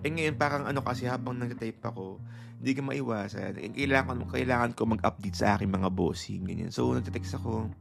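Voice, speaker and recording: A man with a gravelly, fry-edged voice tells a personal story on his podcast. He is casual and animated, acting out dialogue between long runs of fillers. Soft guitar music plays underneath. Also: medium pitch, brisk. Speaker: podcast host. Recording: guitar music playing behind.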